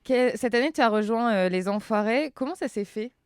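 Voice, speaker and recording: A woman hosting a podcast and asking a guest a run of friendly, brisk questions. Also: on the high side, a little mellow, clean tone, dry recording, studio quality. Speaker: podcast host. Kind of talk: interview hosting.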